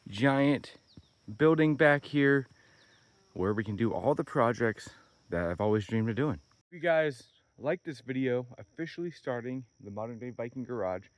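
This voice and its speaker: A man vlogging outdoors with a handheld camera, chatting in a rambling, upbeat way with a tired, slightly hoarse voice. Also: medium pitch, animated, normal speed, dry recording. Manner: rambling, upbeat, thinking aloud. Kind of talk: casual vlog walkthrough. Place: outdoors on wooded property.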